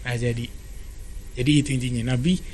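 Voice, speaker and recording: A man telling a story in a casual podcast chat, brisk and animated, acting out quoted dialogue. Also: mid-range voice, a little hiss or hum. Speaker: storyteller guest.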